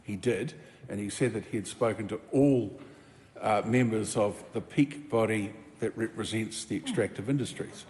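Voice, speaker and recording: A man's voice: fairly low pitch, moderate pace, darkish tone. A man chairing parliament, giving terse, offhand procedural rulings. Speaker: speaker presiding over parliament. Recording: long chamber reverb.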